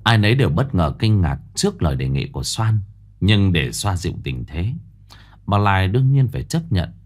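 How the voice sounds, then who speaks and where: A man narrating a ghost story in a lively, expressive storytelling manner. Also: sits low, normal speed.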